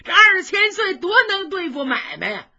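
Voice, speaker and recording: A woman's voice: very animated, takes it slowly, husky, highs cut off, heavily acted. Cheng Yaojin, a woman doing a boisterous joking general. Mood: loud, teasing. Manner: loud, high and teasing. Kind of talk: traditional storytelling.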